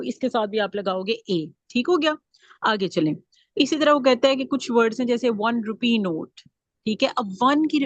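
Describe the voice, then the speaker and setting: A woman's voice: medium pitch, dry recording. Woman teaching grammar, dry close sound. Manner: explains patiently, checks in with "theek hai" often. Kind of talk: classroom grammar lecture.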